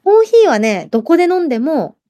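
A woman with a Kyushu accent chatting casually as a livestream host, lively and laughing often while answering viewer comments. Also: high-pitched, a little fast. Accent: Kyushu Japanese. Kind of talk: casual chat.

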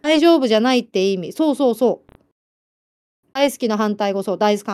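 A woman with a Kyushu accent chatting casually as a livestream host, lively and laughing often while answering viewer comments. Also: on the high side, brisk, smooth. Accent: Kyushu Japanese. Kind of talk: casual chat.

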